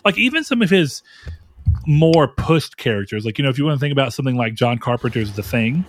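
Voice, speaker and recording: A man co-hosting a podcast, talking casually and thoughtfully about a film, with drawn-out phrasing. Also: medium pitch, animated, slight background noise. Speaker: podcast co-host.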